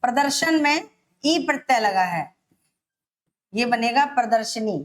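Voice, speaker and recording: A woman teaching Hindi grammar for an exam, explaining step by step and repeating words slowly. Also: a little high, lively intonation. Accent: Rajasthani Hindi. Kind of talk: exam-prep grammar lesson.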